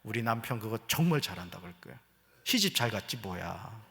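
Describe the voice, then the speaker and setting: Speaking a little fast with a lowish voice and vocal fry, a middle-aged pastor preaches in a church sanctuary. Animated and humorous, he jokes with his congregation, quotes voices, and later turns earnest. Church hall reverb colors the recording.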